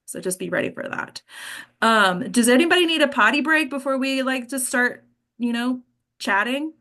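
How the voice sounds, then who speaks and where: A woman's voice: sits high, moderate pace, sharp tone. A woman hosting and coaching actors in an informal talk, frank and addressing her listeners directly. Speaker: host and acting coach.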